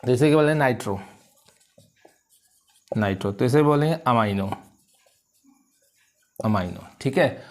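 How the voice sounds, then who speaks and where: A man's voice: mid-range voice, unhurried, pauses often. Man teaching, asking and answering himself. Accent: Punjabi. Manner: drills with repeated questions and answers. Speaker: chemistry teacher. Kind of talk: classroom lecture at a board.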